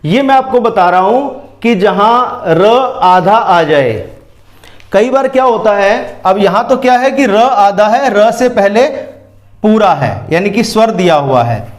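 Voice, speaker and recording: Male teacher, high voice, slow and patient, walks children through each step and checks they follow. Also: animated. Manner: slow, patient explaining with frequent questions to pupils. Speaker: Hindi grammar teacher. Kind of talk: classroom lesson.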